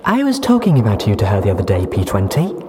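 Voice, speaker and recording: A man voicing a bubbly, naive young female pony who gushes loudly in a storybook reading. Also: on the low side, wildly swooping pitch, fast, background noise. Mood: gushing. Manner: gushing and loud.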